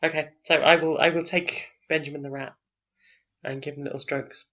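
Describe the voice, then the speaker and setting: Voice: medium pitch, normal speed, dull audio. A player at a tabletop game, giggly and chatty. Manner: giggly and lively. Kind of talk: casual chat at a tabletop game.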